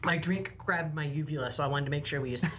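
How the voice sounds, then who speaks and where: A woman's voice: sits low, fast, fairly bright tone, a little hiss or hum. A woman talking casually as a player in a tabletop role-playing game.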